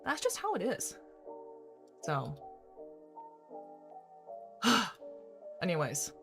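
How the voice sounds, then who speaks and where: A woman's voice: on the low side, wildly swooping pitch, very slow, a bit bright. A woman psychiatrist chatting casually on a live stream, talking in circles and laughing often. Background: faint background music.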